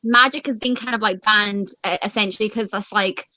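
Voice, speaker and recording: A woman's voice: medium pitch, steady tone, a little fast, bright, forceful tone, no room sound, rough recording. A woman chatting casually about books, gushing, laughing often and swearing freely. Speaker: book club host. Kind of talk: casual book chat.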